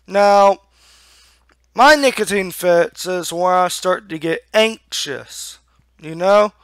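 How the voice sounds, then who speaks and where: High-voiced young man, lip full of dip. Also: fairly bright tone, clear, resonant tone, no echo. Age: young adult. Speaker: amateur product reviewer. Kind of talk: casual review to camera. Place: small room at home. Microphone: headset microphone.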